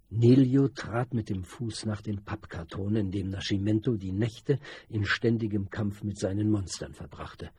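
A man reads a novel aloud in a measured, even way. His voice is low, dark and husky. The recording is dry and close. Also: no echo. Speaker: audiobook narrator. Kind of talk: scripted narration of a novel.

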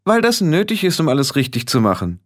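A man's voice: on the high side, huge pitch swings, brisk, voice pushed up. A man reading an audiobook, voicing an imperious, condescending teenage witch girl in a raised voice. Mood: exasperated. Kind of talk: audiobook character voice.

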